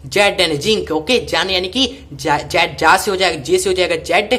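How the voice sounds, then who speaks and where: A woman's voice: on the low side, normal speed, a bit bright. A woman teaching chemistry memory tricks in speech, repeating each cue and asking questions she then answers. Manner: repetitive, call-and-response drilling. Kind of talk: chemistry mnemonic lesson.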